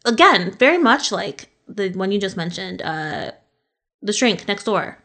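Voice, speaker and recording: A woman's voice: mid-range voice, very animated, unhurried, a bit bright. Chatty woman hosting a podcast. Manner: chatty, swears casually, laughs often. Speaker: podcast host. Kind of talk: casual podcast chat.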